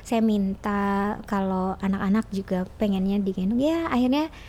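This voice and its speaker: A woman's voice: medium pitch, moderate pace, dark tone. A middle-aged woman talking candidly as a guest, chatty and often laughing mid-sentence as she tells a personal story.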